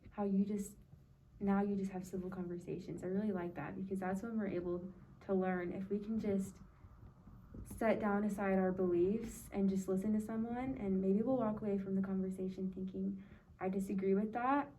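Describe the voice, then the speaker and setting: A woman's voice: mid-range voice, fairly even intonation, moderate pace, dark tone. An American woman acting as interviewer, speaking casually and supportively in a conversational question-and-answer style. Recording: distant mic with faint noise.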